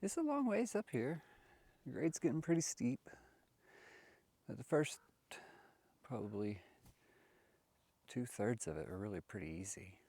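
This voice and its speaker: A man's voice: mid-range voice, very animated, a little slow, long pauses, dark tone, no room sound. Folksy man narrating a canyon hike. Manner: chatty, wandering, folksy. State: winded from climbing. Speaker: hiker filming his hike. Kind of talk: casual vlog narration. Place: outdoors in a desert canyon. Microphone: handheld camera.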